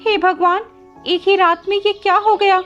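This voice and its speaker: Woman doing a squeaky frightened little sparrow. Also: level tone, normal speed, a bit bright, dull audio, soft background music. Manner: pleading, frightened and stammering. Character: timid young female sparrow.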